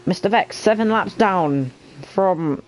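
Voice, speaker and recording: A man giving casual lead commentary on an online racing league, sometimes halting as he thinks aloud between calls. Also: high voice, soft background music. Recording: faint background noise.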